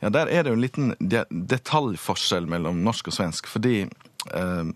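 Deep-voiced man explaining patiently. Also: lively intonation, no room sound. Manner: patient, explanatory, with pauses to find words. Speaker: linguist. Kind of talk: radio interview.

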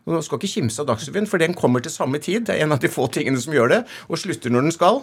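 A man with an Oslo Norwegian accent, a novelist talking in an interview in an effusive, emphatic way with halting repetitions. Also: fairly high pitch, lively intonation, creaky, breathy edge. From Oslo west, Norway. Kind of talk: animated conversational interview.

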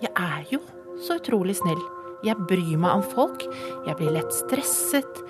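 A woman playing an emotional, over-apologetic highly sensitive woman in a mock documentary interview. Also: lively intonation, close to an everyday voice. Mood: gushing teary. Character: gushing, oversensitive woman, teary and apologetic. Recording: music playing behind.

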